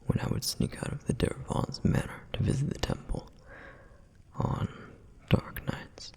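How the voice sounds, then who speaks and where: This is an ASMR roleplay where a man voices a male flame demon who is dutiful and protective. He whispers softly and reflectively, with a wistful air, in an unhurried, natural voice.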